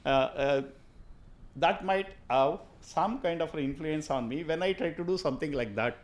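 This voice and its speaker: A man's voice: a little high, a little fast. A man with a Tamil Indian accent telling stories conversationally as an interview guest, earnest and emphatic, repeating phrases to drive points home.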